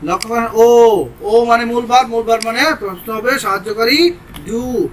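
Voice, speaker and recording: A man's voice: very high voice, normal speed, slight background noise, low-quality recording. A man with a Bangladeshi accent teaching English grammar in a casual, step-by-step way, sweating in a hot room and switching between Bengali and English examples. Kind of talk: informal grammar lesson.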